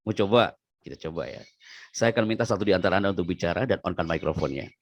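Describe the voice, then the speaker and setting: A man leads an online public speaking seminar with a playful, animated delivery, his pitch leaping up and down through each phrase. His voice has a gravelly rasp, and the recording is dry and close. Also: brisk, no room sound. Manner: animated, playful, swings between loud and hushed. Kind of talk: lively online seminar talk. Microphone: video call.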